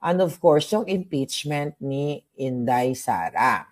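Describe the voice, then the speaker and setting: A political vlogger from the Philippines chats casually and gossipily on a livestream, slipping English into her talk and speaking straight to viewers and their comments. The voice is medium in pitch with big pitch swings and a slow pace.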